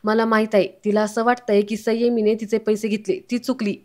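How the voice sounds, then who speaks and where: A woman reading the lines of an indignant, quick-tempered young man. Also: a little high, little pitch movement, darkish tone, lightly acted.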